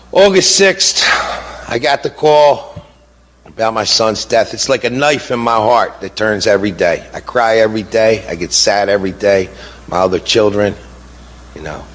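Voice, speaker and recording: A man's voice: fairly low pitch, fairly bright tone, a little hiss or hum. Blunt, indignant middle-aged man. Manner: blunt and indignant, repeats words for emphasis, fires rhetorical questions. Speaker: interviewee, bereaved father. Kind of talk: impassioned spoken testimony.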